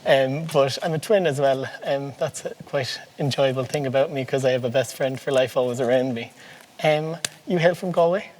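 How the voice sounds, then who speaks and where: A man's voice: medium pitch, moderate pace, a little mellow, poor audio. Young male podcast co-host, Irish midlands accent, informal and talkative, mid-range voice for casual chat. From Portlaoise, Irish midlands. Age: early 20s.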